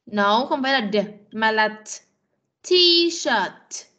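Bright-voiced woman teaching English online. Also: fairly high pitch, fairly even intonation, highs cut off. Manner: patient, drills words slowly and corrects pronunciation. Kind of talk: online class teaching pronunciation. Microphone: video call.

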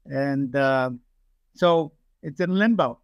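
A man's voice: medium pitch, takes it slowly, no echo. An older man from Romania, speaking emphatically as a guest on a video call from home, with many fillers. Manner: emphatic, digressive, frequent fillers. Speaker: guest, aerospace engineer. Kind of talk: casual interview over video call. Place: home room, indoors. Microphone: webcam video call.

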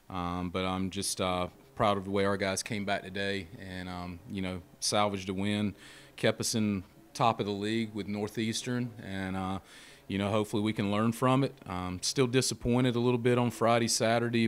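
A middle-aged man speaks into a handheld mic at a postgame press conference. His voice sits low and stays level, with little rise or fall. He talks plainly and steadily with frequent fillers, over a faint room hum. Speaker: head baseball coach. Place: press room before a sponsor backdrop. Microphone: handheld mic held close.

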